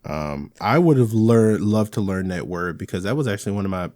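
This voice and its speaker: A man cohosting a podcast with a low, lively voice that rises and falls freely. He talks casually and swears often, with exasperated asides to his cohost. The sound is dry and close with no room around it. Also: fairly quick, no room sound. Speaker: podcast co-host. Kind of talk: casual chat.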